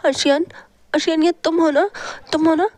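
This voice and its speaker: A woman voicing an anxious, gentle young woman in a read-aloud story, pleading with a rush of worried questions. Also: very high voice, fairly even intonation, moderate pace, voice pushed up. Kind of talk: storybook reading.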